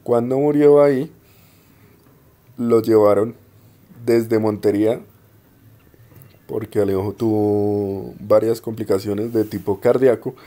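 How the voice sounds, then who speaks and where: A young man presenting his degree project in an unhurried, explanatory way, with frequent hesitations. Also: on the low side, steady tone, dark tone. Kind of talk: informal spoken presentation.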